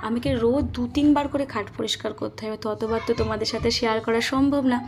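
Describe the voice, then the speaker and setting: This home vlogger speaks quickly in a fairly high, steady voice over a noisy background. She's chatty, addressing her audience straight on while doing housework around the kitchen and rooftop of her home.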